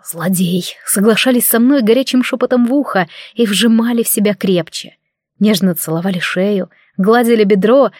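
A woman narrating a first-person audiobook in a lively, wry, conversational way. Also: medium pitch, normal speed, no echo, clean studio sound.

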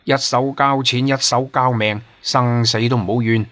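A man voicing a weary, seasoned older man who consoles with resigned calm. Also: medium pitch, normal speed, voice pushed up, close to an everyday voice.

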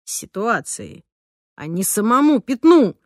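A woman voicing a good-natured teenage boy who speaks low and subdued. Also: animated, a little slow, no echo, studio quality, lightly acted. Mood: defensive.

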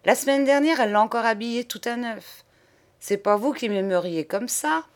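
A woman voicing a brash, forward manservant who teases calmly. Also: on the high side, moderate pace, voice pushed up, natural voice. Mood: teasing. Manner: teasing, calm.

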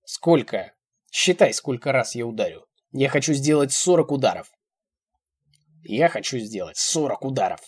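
A man reading an audiobook, voicing a cruel, domineering old man who shouts his orders. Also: medium pitch, sing-song, normal speed, few pauses, breathy edge, no room sound. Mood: commanding. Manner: shouting, bullying.

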